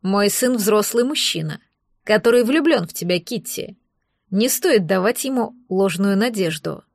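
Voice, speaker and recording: A woman voicing a stern, weary male werewolf pack leader, slow and weighty. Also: mid-range voice, animated, creaky, no room sound, studio quality.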